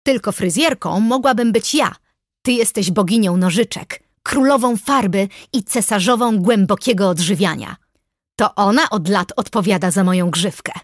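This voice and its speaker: A woman's voice: medium pitch, animated, moderate pace, slightly rough, no room sound, clean studio sound. A woman reading an audiobook, voicing a bubbly, pushy young woman friend who chatters on. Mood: gushing. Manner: chirpy, chattering.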